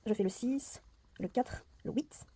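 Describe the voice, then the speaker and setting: A woman's voice: on the high side, measured pace, dark tone, husky. A woman solving a puzzle game on camera, thinking aloud, counting under her breath and mocking herself. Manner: mutters numbers to herself, often dropping to a whisper. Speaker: board game vlogger. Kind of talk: casual puzzle-solving vlog.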